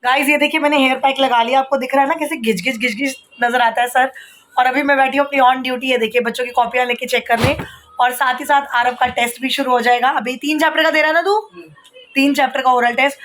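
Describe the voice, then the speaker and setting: Her voice is high-pitched and fast with fairly even intonation, and there's background noise as she records a daily vlog on a phone held while she cooks and works. The woman, in her thirties, chats casually around her home kitchen and rooms, using some English words and raising her voice over a barking dog.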